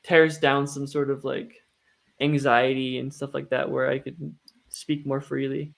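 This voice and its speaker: A man's voice: medium pitch, flat delivery, a little slow, gravelly. A man with an American accent chatting casually on a livestream in a rambling way, often saying "like" and "you know". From Utah, United States.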